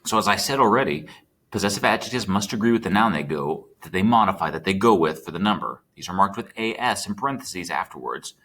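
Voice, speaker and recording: Typing as he goes, a man leads a recorded Spanish lesson, chatting and checking in with the class often. He talks fast in a low, animated, fairly bright voice.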